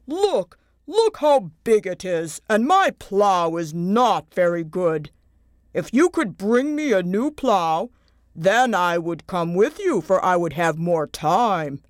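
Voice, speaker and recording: A woman voicing a big, strong male farmer who speaks slowly and reasonably, in a storybook reading. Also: lowish voice, very animated, no echo, clean studio sound. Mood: apologetic. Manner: slow, reasonable.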